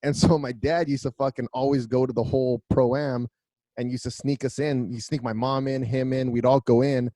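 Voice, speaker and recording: A man's voice: medium pitch, moderate pace, no room sound, poor audio. A man co-hosting a comedy podcast, telling a long profane story and acting out the people in it. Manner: profane, animated, acts out quoted voices. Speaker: podcast co-host.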